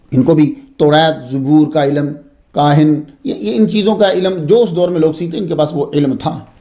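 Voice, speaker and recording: A man giving a religious history lecture, telling it expressively with frequent asides. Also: fairly high pitch. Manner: expressive, digressive storytelling with asides.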